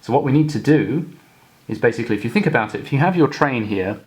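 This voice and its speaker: A man's voice: mid-range voice, expressive, quick pace, a little mellow. A young man casually explaining a step-by-step hobby tutorial, with many fillers and restarts. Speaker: model railway hobbyist tutor.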